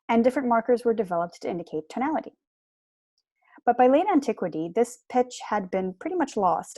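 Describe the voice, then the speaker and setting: Recorded on a computer microphone in a small home room with no room sound, a young PhD student gives a prepared seminar lecture. Her mid-range voice is slightly mellow, and her explanations are clear and articulate.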